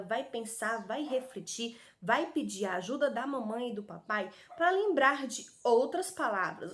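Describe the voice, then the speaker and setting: A woman with a Brazilian Portuguese accent giving an online lesson to young children, sounding out syllables slowly in a sing-song, affectionate way. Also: a little high, fairly bright tone. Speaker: primary school teacher. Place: home recording with street dogs barking outside.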